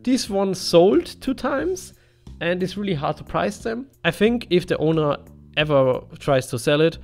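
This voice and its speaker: Lively, higher-pitched German-accented man. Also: measured pace, creaky. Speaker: video creator narrating a game item list. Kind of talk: informal voice-over commentary. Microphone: voice-over over game footage.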